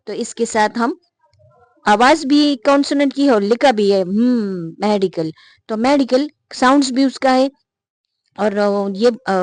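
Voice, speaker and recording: A woman teaching English grammar who keeps asking and answering her own questions and reads example sentences slowly. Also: fairly high pitch, darkish tone, no room sound. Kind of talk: explanatory grammar lesson.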